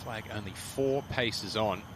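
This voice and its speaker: A man's voice: fairly low pitch, unhurried, background noise. A man giving live golf tournament commentary as a broadcast commentator.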